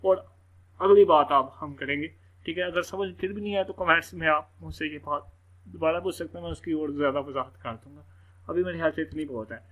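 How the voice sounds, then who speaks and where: A man's voice: on the high side, a little fast, fairly bright tone, low-quality recording. A man teaching an English reading lesson in a loose, casual way, filling his talk with "theek hai". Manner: loose, repetitive, full of "theek hai" fillers. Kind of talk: casual screen-recorded lesson.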